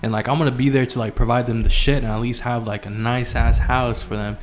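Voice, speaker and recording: A man's voice: mid-range voice, fairly even intonation, a little fast, a little hiss or hum. A young adult man in a casual podcast chat, talking in loose slang and often saying bro and man.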